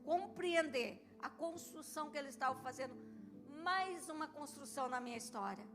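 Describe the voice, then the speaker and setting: A middle-aged woman pastor preaches a heartfelt testimony in a church service. Her voice sits high and climbs into loud, emphatic bursts. Music plays clearly beneath her words. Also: animated, a little fast. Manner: emotional testimony, rising to loud emphatic peaks. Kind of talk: sermon.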